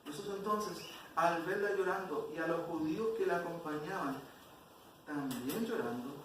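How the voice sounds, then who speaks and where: A man with a fairly high voice teaches an expository Bible lesson at normal speed, frequently questioning his Sunday school class and tacking on "¿cierto?" again and again. The church hall recording is distant, noisy, and heavily echoey.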